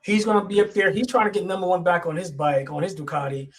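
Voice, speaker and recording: A man with a New York accent, an excitable, emphatic panelist in a casual chat. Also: high-pitched, fast talker. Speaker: podcast panelist.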